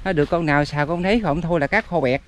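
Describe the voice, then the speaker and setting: A man's voice: on the high side, racing, a little hiss or hum. A man with a Southern Vietnamese accent, chatting casually to viewers in a rural fishing vlog, talking outdoors by a canal. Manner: chatty, laughing, addresses viewers. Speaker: vlogger.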